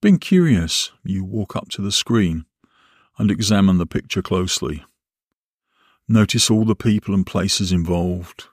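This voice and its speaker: A man narrating a guided relaxation and visualisation exercise as an instructor, in a measured, instructional way with deliberate pauses. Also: deep voice, animated, dry recording, studio quality.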